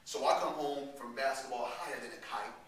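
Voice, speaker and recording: Workshop speaker, a man, storytelling to youth, in a boomy echoey room. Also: brisk, a crowd in the background. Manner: animated, slangy storytelling with laughs. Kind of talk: storytelling talk to young people. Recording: echoey room, distant mic.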